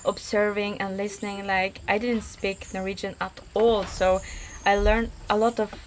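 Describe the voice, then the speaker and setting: A young Polish woman in her 20s, with a Polish accent, speaks at normal speed and a middling pitch while being interviewed casually as a guest. Her delivery is flat and hesitant, with lots of fillers and restarts. Some faint background noise lies under her voice.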